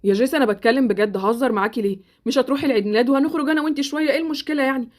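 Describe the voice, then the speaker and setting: A woman's voice: high voice, very fast, a little mellow, close to an everyday voice. A woman with an Egyptian accent voicing Sultan, a blunt, awkward boy in a Roblox roleplay series. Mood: brusque.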